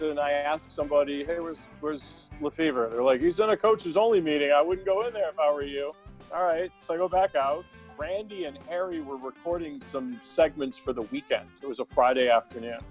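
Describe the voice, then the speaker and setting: Man, guest, casual storytelling, lots of fillers, slightly high voice, faint guitar behind. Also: a little mellow. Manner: chatty, filler-heavy storytelling. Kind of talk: casual anecdote.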